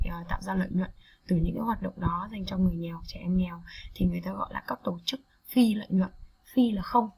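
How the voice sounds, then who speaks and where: A Vietnamese-speaking woman teaching English vocabulary, repeating each word slowly for students to echo, then explaining quickly. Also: mid-range voice, gravelly, slightly rough. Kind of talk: vocabulary lesson with repetition drills.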